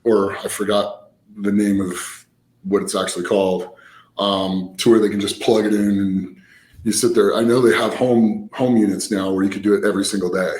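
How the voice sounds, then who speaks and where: Low-voiced man, rambling, in a roomy space. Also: flat delivery, moderate pace, darkish tone. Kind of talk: casual conversational storytelling. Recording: roomy echo, background noise.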